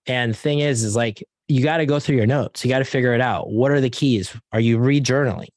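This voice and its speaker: Speaking briskly in a slightly mellow, mid-range voice, a man leads a relaxed, motivational sales training over an online meeting. The studio-quality audio has no echo. He peppers his talk with "like" and refers to the audience as "guys" and "dude."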